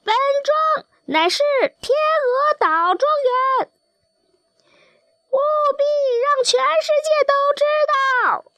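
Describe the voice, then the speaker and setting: A shrill boastful storybook rooster. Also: female voice, expressive, slow, a bit bright, no room sound, full character voice. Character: proud crowing farmyard rooster.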